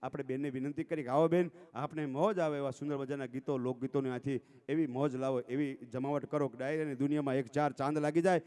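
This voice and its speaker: A man's voice: mid-range voice, fairly even intonation, fast, darkish tone, clean tone. A man, telling folk stories and jokes on a dayro stage in a rhythmic, declaiming manner. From Gujarat. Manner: declamatory, rhythmic recitation of sayings, with frequent "saheb" addresses. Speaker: folk dayro storyteller and emcee. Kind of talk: folk stage oratory with humorous anecdotes.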